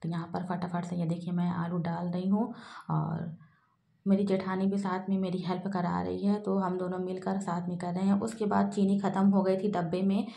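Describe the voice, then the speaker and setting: A woman in her thirties talks through her day as a vlog voice-over, plain and homely, with many fillers. Her voice sits low and stays flat, and the room around her echoes. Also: moderate pace, creaky. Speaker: vlogger, mother narrating her day. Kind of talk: voice-over narration of a daily vlog.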